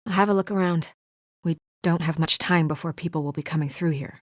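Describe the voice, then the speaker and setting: A young woman, voiced by a game voice actress, speaks in a fairly low, serious voice with fairly even intonation. She plays an earnest, composed official who talks with measured restraint in naturalistic video game dialogue. The recording is dry and close, and her voice sounds natural.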